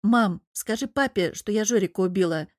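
A woman's voice: medium pitch, moderate pace, darkish tone, no room sound, natural voice. A woman reading an audiobook and voicing a fierce, determined young woman who is close to tears, in a tense, clipped manner. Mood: anxious urgency.

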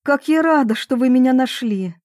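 A woman voicing a cheerful, unflappable middle-aged mother who chirps and coos in a high voice. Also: fairly even intonation, measured pace, darkish tone, no echo, clean studio sound. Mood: chirpy. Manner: chirping, cooing, lightly lisping baby talk.

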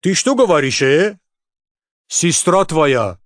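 A man voicing a calm, laconic man from Baku with an Azerbaijani accent and terse, unhurried phrasing. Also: a little high, no echo, clean studio sound, voice pushed up.

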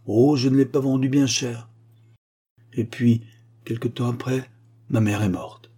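A man voicing a poor, grieving male schoolteacher who pleads softly and sadly in a husky voice. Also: mid-range voice, fairly even intonation, a little slow. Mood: sorrowful. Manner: soft, sorrowful pleading.

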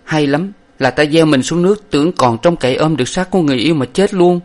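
A man's voice: fairly high pitch, fast talker, a little mellow, pitched above the performer's own voice, lightly acted. A man voicing a devoted young woman in grief, tearful and pleading. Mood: despairing.

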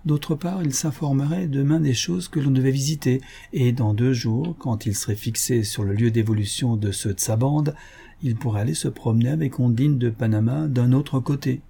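A man narrating a literary audiobook in a measured, storytelling manner. His voice is warm and dark, with a husky, slightly rough texture, at an ordinary pitch for a man.

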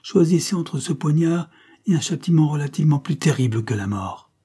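Man reading stern young doctor, cold, accusing, storybook, dark husky voice. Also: fairly high pitch, expressive, brisk, voice pushed up.

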